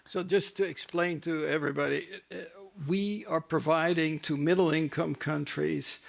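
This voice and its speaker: High, very creaky man's voice. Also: fairly even intonation, normal speed. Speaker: development bank official on a panel. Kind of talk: explanatory panel talk.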